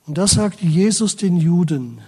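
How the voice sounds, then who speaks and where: A man's voice: high-pitched, lively intonation, a little slow, a little mellow, husky, in a large hall. A man preaching a sermon, speaking straight to his congregation and reading scripture aloud with dramatic weight. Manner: addresses the congregation directly, quotes scripture dramatically.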